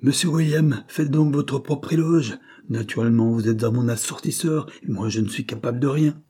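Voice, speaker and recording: A man's voice: medium pitch, normal speed, warm tone, slightly rough, pitched above the performer's own voice, lightly acted. A man voicing a resentful, hot-tempered young clerk who speaks bitterly and sarcastically in a raised voice. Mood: angry, sarcastic.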